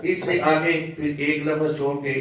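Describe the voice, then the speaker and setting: A man teaching Quran recitation in a patient, step-by-step way, chanting example words slowly. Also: a little high, steady tone, very echoey, distant mic, poor audio. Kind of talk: slow religious lesson with chanted examples.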